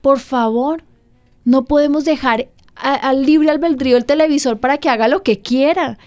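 Woman pastor-host, earnest and pleading, slightly high voice. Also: normal speed, a little mellow, faint music behind.

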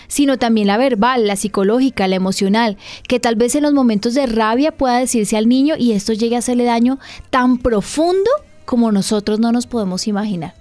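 Earnest woman pastor, slightly high voice. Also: a little mellow. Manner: earnest, questioning her co-host, breathing advice. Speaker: pastor and radio program host.

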